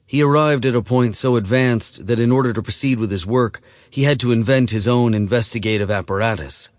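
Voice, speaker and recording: A man narrating an audiobook in a measured, steady reading voice. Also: on the low side, dry recording. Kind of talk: scripted narration.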